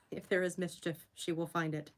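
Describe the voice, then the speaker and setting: A young woman hosting a casual art livestream, chatting with viewers as she works, giggling often and jumping up high to greet people. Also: little pitch movement, moderate pace. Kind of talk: casual livestream chat while drawing.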